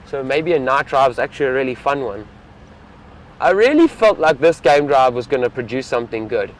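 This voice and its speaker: A man's voice: mid-range voice, expressive, a little fast. A young man, a safari field guide, chatting casually and enthusiastically to live-stream viewers from an open vehicle outdoors.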